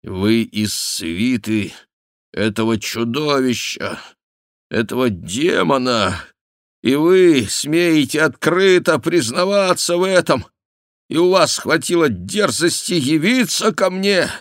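A man's voice: on the low side, slow pace, no echo, clean studio sound. A man reading the part of an old baron maddened by grief for his daughter, in wailing, accusing outbursts. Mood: furious. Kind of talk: audiobook character reading.

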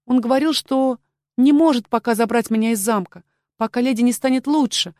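Woman reading young maid, scared, tearful, high pleading voice, dry close sound. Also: fairly quick, darkish tone, dry recording, natural voice. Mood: hopeful. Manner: sobbing, pleading, high and breaking. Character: young frightened female maid, naive and tearful. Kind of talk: audiobook character voice.

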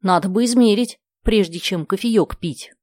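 A fussing, sympathetic elderly saleswoman, put on by a woman narrator in an audiobook. Her voice goes up high and loud, and the recording is dry. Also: normal speed, dry recording, close to an everyday voice.

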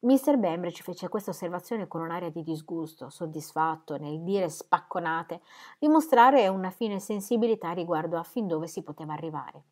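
A young adult woman reading a novel aloud at a steady, measured pace. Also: lowish voice. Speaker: audiobook reader.

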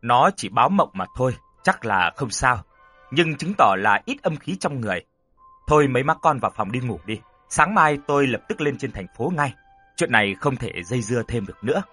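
A man's voice: medium pitch, expressive, brisk, sharp tone, breathy edge, faint music behind. A man voicing a stern older rural uncle who deals with spirits, grave and commanding.

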